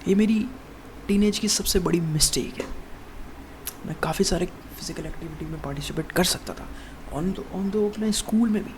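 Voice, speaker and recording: In a noisy recording, a high-pitched man of twenty-one talks at a normal speed as a fitness vlogger. His monologue is loose and meandering, full of restarts, and he calls the viewer "bhai," or "bro," again and again.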